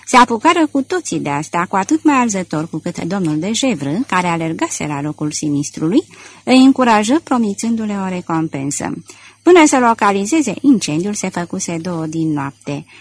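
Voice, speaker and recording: Animated woman narrating an audiobook. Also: medium pitch. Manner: expressive, animated reading. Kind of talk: audiobook narration of a detective novel.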